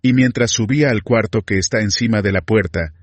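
Husky low-voiced male narrator. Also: a little fast, no room sound. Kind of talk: scripted scripture reading.

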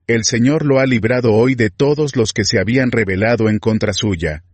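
A man's voice: mid-range voice, normal speed, a little mellow, no echo, close to an everyday voice. A man reading as a formal foreign courier. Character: foreign male courier bearing war news.

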